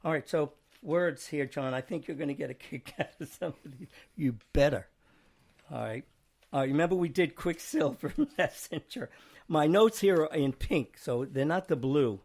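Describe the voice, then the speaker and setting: A man hosts a casual chat, playfully reading word definitions and example sentences, chuckling and sometimes reading slowly. His voice is on the high side with a darkish tone.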